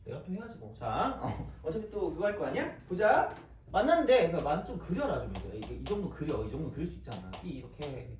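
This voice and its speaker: Lively male math teacher in an echoey classroom. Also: a little high, soft background music. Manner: casual, joking, talks straight to students with quick asides. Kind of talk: recorded classroom math lecture. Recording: echoey classroom, mic at a distance.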